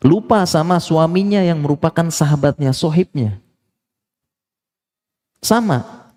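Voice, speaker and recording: Mellow-voiced male preacher, lively sermon. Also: on the high side, a little slow. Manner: lively, acts out little dialogues. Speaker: Islamic preacher.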